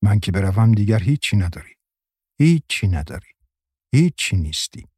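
A man voicing a bitter, grieving middle-aged mother who speaks insistently to her daughter in a dark audiobook story. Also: fairly low pitch, big pitch swings, slightly rough, no echo, studio quality. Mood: grim.

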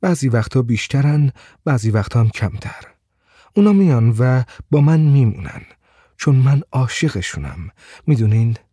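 Man voicing a shy gentle blind woman. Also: mid-range voice, big pitch swings, dry recording, studio quality. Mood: wistful. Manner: soft, hesitant, stammers when upset.

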